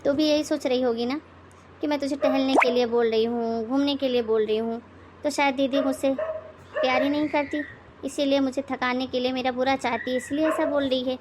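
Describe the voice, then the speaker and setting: A woman voicing an outspoken elder daughter-in-law in an animated moral story, lecturing and sarcastic. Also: high voice, normal speed, background noise, lightly acted.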